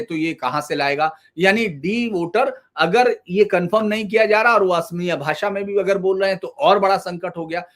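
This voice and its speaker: A man's voice: fairly high pitch, fairly bright tone. A man giving a long solo news commentary, explaining step by step and repeating points for emphasis. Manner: explains at length, with restarts and repetition for emphasis.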